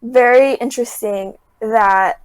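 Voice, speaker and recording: A woman's voice: a little high, slow, smooth, no room sound, rough recording. A young adult woman as a podcast guest, casually retelling scenes from a show with constant filler words. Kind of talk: casual chat.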